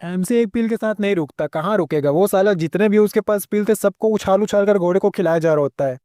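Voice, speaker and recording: A man's voice: sits high, brisk, mellow, no echo, clean studio sound. A man narrating a story recap in a slangy, casual way, acting out each character's lines himself. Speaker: anime and manhwa recap narrator.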